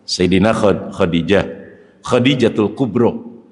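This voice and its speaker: A man preaching with a lowish voice that leaps up for stressed words and drops to quiet, prayerful murmurs. His sermon rings with a long echo, as though recorded in a large hall. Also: a little slow. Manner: animated, swings between shouted stress and low prayerful murmurs. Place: mosque hall.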